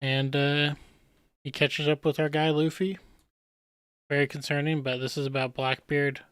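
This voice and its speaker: A man's voice: on the high side, normal speed, clear, resonant tone, dry recording, clean studio sound. Laid-back man rambling over manga panels. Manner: relaxed, rambling, chuckles at himself. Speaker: streamer analyzing manga panels. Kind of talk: casual commentary.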